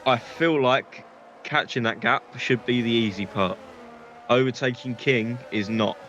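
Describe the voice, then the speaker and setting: Man, motorsport co-commentator, conversational, opinionated race analysis, average pitch, noisy backdrop. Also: fairly even intonation, unhurried, a bit bright, lo-fi sound.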